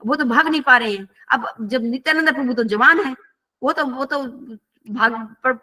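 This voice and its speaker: A woman's voice: high-pitched, moderate pace, sharp tone. A woman teaching a scripture class, telling a story conversationally and asking her listeners questions.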